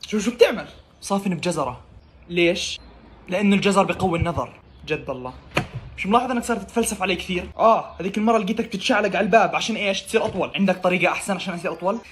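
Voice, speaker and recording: Quick, high-voiced man joking. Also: background noise. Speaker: comedy sketch performer. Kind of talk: short comedy sketches. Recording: music playing behind the voice.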